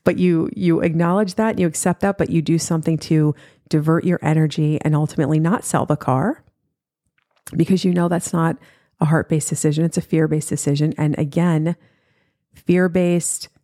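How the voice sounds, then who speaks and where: A woman's voice: sits low, mellow, dry recording, studio quality. A woman in her forties hosting a motivational podcast, talking earnestly and repeating her key points for emphasis. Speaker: podcast host.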